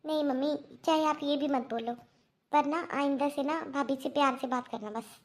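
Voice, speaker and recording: A woman's voice: sits high, steady tone, normal speed, natural voice. Woman voicing a firm young married daughter. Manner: earnest, lecturing. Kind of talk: Hindi cartoon dubbing.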